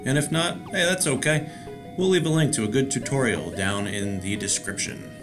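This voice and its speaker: A man giving calm step-by-step tutorial voice-over narration. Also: mid-range voice, moderate pace, music in the background.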